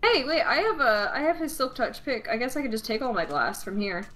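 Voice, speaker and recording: A woman's voice: a little high, big pitch swings, fairly quick, a bit bright, slight background noise, poor audio. A young woman chatting casually while playing Minecraft, giggly and chatty. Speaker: Minecraft player. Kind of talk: casual gaming chat.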